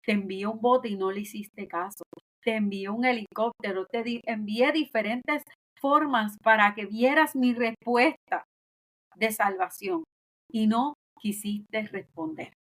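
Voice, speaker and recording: A woman voicing God, calm and patient. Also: a little high, a little slow. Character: God, calmly answering a believer.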